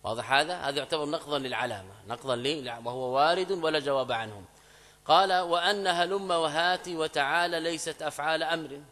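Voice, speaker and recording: Guy teaching grammar in a mosque, slightly high voice, lots of echo, goes over points again and checks students follow. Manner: explains step by step, repeats key phrases, asks students checking questions; reads quoted examples slowly and louder. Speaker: Islamic scholar teaching grammar. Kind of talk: mosque lesson on Arabic grammar. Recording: long mosque reverb.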